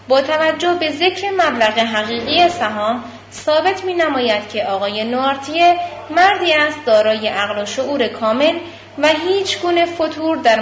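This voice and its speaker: A woman voicing a methodical male notary who questions in a measured, formal way. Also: high voice, a little hiss or hum. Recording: slightly muffled lo-fi recording.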